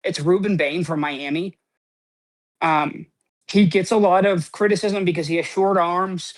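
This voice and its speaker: A man's voice: sits high, steady tone, unhurried, slight background noise. A man co-hosting a podcast, talking sports in a rambling, casual way, full of "um" and "like" and casual swearing. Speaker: podcast co-host.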